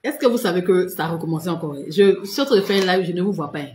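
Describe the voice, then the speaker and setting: A woman's voice: lowish voice, quick pace, a little mellow, reverberant, slight background noise. A woman giving casual, insistent skincare and diet advice on a live stream, repeating herself and talking straight to her viewers. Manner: repetitive, direct, addresses viewers as tu and vous.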